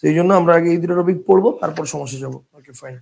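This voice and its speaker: A man's voice: a little high, gravelly, darkish tone. A man teaching an online spelling class, explaining rules through many examples and often checking that students follow. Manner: repeats words slowly to drill spelling.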